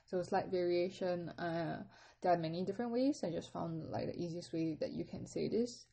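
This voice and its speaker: A woman teaching a lesson, patiently explaining in English and reading out phrases slowly with careful tones. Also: fairly low pitch, vocal fry, mellow. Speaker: Mandarin teacher. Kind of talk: podcast language lesson.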